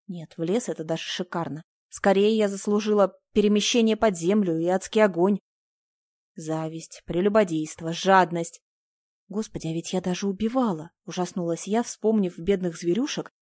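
A woman narrating a first-person story in a measured, introspective way, like an audiobook reading. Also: lowish voice, darkish tone, dry recording, clean studio sound.

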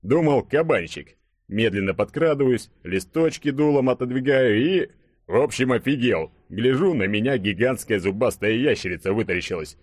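A man reading an audiobook, voicing a brash burly young man who boasts and jokes loudly. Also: medium pitch, lively intonation, normal speed, no room sound, clean studio sound, voice pushed up, lightly acted. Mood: boastful joking. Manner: loud, swaggering, joking. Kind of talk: audiobook character voice.

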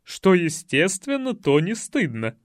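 A cheeky, vain old gentleman, as the male narrator plays him, teasing in a slightly raised, louder voice. Dry, close recording. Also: high-pitched, huge pitch swings, a little slow, no room sound, heavily acted.

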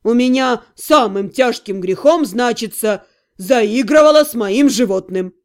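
A woman's voice: on the high side, animated, measured pace, darkish tone. A woman voicing a smug, sarcastic male demon lord in an audiobook. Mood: sneering. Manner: sneering, sardonic. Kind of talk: audiobook character reading.

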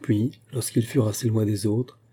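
A male narrator reading a classic novel in a measured, literary way. His voice is very dark and husky, sitting somewhat low. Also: steady tone. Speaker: audiobook narrator. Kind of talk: scripted narration.

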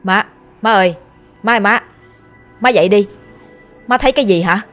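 A woman's voice: medium pitch, normal speed, fairly bright tone, faint music behind, close to an everyday voice. A woman with a Southern Vietnamese accent voicing a panicked young man urgently calling his mother. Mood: alarmed. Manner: urgent, pleading.

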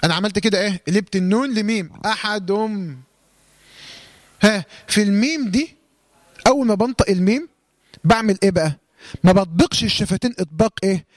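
Speaking fast in a high-pitched, expressive voice, a man with an Egyptian Arabic accent teaches tajweed. He runs through Quran recitation rules by asking questions and supplying the answers.

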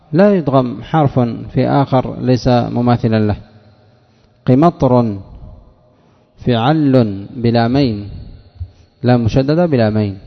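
A middle-aged man teaching a classroom grammar lesson, quizzing students by name and spelling out word patterns slowly. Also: medium pitch, creaky. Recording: dull lo-fi sound in a long-reverb hall.

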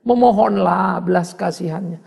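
Gravelly preacher in an echoing hall. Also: male voice, sits high, normal speed. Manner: animated preaching, mocking asides and rising exclamations. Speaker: pastor. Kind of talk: sermon. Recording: long hall reverb.

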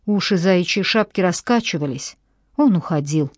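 A woman narrating an audiobook in a measured storytelling manner, recorded close to the mic. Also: lowish voice, lively intonation, darkish tone, no echo. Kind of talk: scripted narration.

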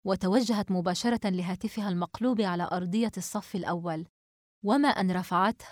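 A woman narrating a novel as an audiobook, in a steady, even storytelling manner. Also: mid-range voice, no room sound, studio quality.

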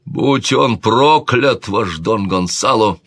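A man voicing an obsessive, passionate king who speaks slowly and emphatically, with a commanding edge. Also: fairly low pitch, fairly bright tone, no room sound, clean studio sound. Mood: furious.

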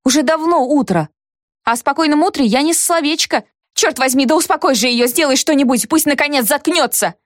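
A woman's voice: medium pitch, animated, no echo, clean studio sound, natural voice. A woman reading aloud and voicing the indignant heroine, who snaps back in a raised, exasperated voice. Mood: alarmed. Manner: exasperated, raised voice, quick retorts.

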